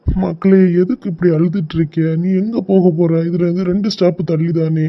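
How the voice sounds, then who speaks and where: Brief: man as a fond, high-pitched Kanyakumari dad in a cartoon, gentle and coaxing, lo-fi. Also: steady tone, a little fast. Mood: consoling. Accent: Kanyakumari Tamil. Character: doting middle-aged father of the bride. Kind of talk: cartoon voice acting.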